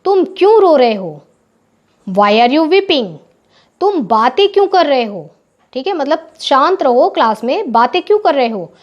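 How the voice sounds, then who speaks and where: A woman teacher explaining classroom English to children in Hindi, saying each English phrase slowly and clearly. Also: high-pitched, very animated. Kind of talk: spoken English lesson for children. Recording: dull, lo-fi recording.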